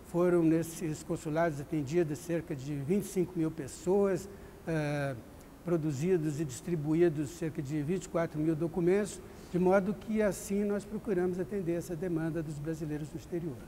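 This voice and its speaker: A man with a Brazilian accent, speaking as a diplomat guest in a formal interview, measured and pausing with "eh" fillers. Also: fairly high pitch, warm tone, in a large hall, a little hiss or hum. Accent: Brazilian Portuguese.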